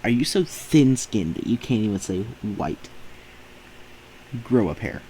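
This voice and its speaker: A man's voice: lowish voice, sing-song, unhurried, mellow, a little hiss or hum, rough recording. A man hosting a reaction video, talking back at clips in indignant, emphatic rants. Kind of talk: reaction commentary.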